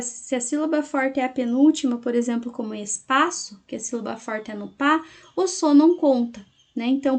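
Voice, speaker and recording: Lady teacher, pretty high pitched, walks the kids through it slow and keeps asking "tá?". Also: darkish tone. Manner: explains slowly, syllable by syllable, checking in with "tá?" and "né?". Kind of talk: recorded class lesson.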